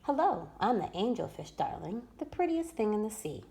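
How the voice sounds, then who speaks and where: A woman's voice: medium pitch, sing-song, normal speed, gravelly, warm tone. A woman doing a vain, preening angelfish. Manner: preening, self-admiring. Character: vain, pretty female angelfish.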